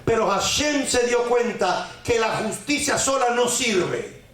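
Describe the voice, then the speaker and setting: High-voiced man preaching in an echoey room. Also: expressive, slow pace, a bit bright. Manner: asks rhetorical questions and repeats phrases for emphasis; mixes in Hebrew terms and folk sayings. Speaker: Torah teacher. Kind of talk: sermon on the weekly Torah portion.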